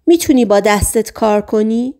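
A woman reading the lines of a calm male psychiatrist who gently questions a patient under hypnosis. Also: fairly high pitch, close to an everyday voice. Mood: gentle.

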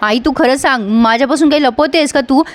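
A woman's voice: high voice, brisk, dry recording, close to an everyday voice. A woman voicing a hot-headed young man in a recap of a TV serial, pressing with questions. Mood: questioning.

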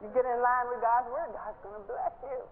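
An older woman preaching a sermon from a church stage, lively and laughing as she stresses her points. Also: fairly quick. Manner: animated, laughing, rising pitch when stressing points. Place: large church stage, indoors. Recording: tinny phone-like broadcast sound with faint hiss.

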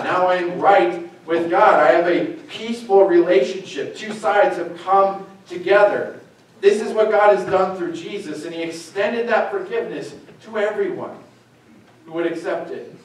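A young man preaching a sermon to his congregation in an earnest way, with wry asides about his own jokes. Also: high-pitched. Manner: earnest, self-deprecating asides. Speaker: pastor. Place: church sanctuary. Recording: echoey church from far off, faint noise.

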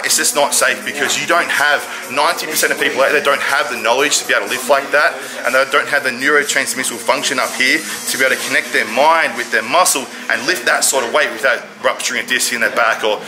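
A man's voice: mid-range voice, fairly even intonation, fast, few pauses, noisy background. A man in his thirties, a fitness trainer, explaining training to camera in an earnest, emphatic way. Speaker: fitness trainer, video presenter. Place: large gym, indoors. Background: music.

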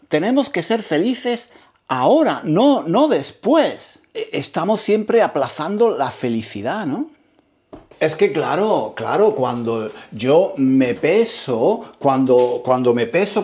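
A high-pitched man from teaches in a theatrical, playful way. He repeats his phrases over and over and leans hard on key words. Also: darkish tone. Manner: repetitive, emphatic, theatrical. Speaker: Spanish teacher.

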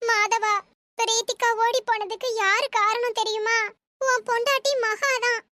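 A woman's voice: very high voice, fairly even intonation, measured pace, sharp tone, dry recording, exaggerated voice. A woman voicing a harsh middle-aged mother-in-law in a cartoon, scolding and accusing.

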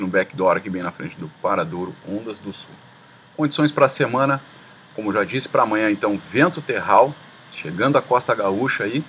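A man hosting a surf forecast voice-over, relaxed and slangy, talking to viewers as a crowd of friends. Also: lowish voice, slight background noise. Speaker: surf report host.

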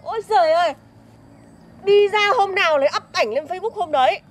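A woman's voice: very high-pitched, brisk. A woman in comedic banter, teasing and accusing her friend in a gossipy way. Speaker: village woman in comedy skit.

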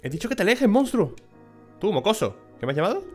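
A man's voice: sits high, sing-song, fast talker, a little mellow, faint music behind, pitched above the performer's own voice. A man putting on a vain sassy heroine.

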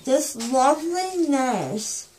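A dazed woman in her twenties rambles groggily in a rather high voice. She talks slowly and casually, as if still coming round from anesthesia. The phone recording has some background noise. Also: very animated, darkish tone. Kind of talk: casual chat. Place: small indoor room, lying on a pillow. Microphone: phone held near, off the speaker.

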